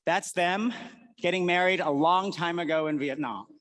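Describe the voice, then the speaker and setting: A man in his forties from the United States delivers a prepared keynote to a conference audience. His voice sits notably high, and he talks earnestly, blending family stories into his points. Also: normal speed, a bit bright. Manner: earnest, personal storytelling. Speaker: conference speaker.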